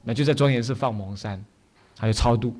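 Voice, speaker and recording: A man's voice: mid-range voice, brisk, darkish tone. A man with a Taiwanese Mandarin accent, a Buddhist abbot telling stories in a sermon, acting out the characters and often asking the audience to agree. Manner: acts out characters' voices while telling stories. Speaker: Buddhist abbot giving a dharma talk. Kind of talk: storytelling sermon.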